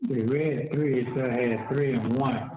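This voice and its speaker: A man's voice: medium pitch, steady tone. Inmate-type male voice heard over a prison phone, hollow, with a faint hiss, hesitant. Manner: halting, repeats himself. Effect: on a prison phone line. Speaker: inmate on a jail call. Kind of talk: phone conversation. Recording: tinny echoey prison phone line, faint noise.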